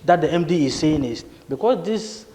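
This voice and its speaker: A man's voice: a little high, lively intonation, dark tone, in a large hall. Man interpreting a director's words. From Ghana. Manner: hesitant, filled with uh pauses. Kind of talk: spoken interpretation of a foreign speaker's words.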